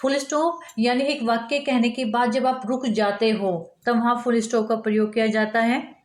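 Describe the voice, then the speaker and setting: Female teacher, slightly high voice, patient step-by-step grammar explainer, roomy echo. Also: fairly even intonation, normal speed. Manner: explains step by step with spoken examples. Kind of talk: grammar lesson for students.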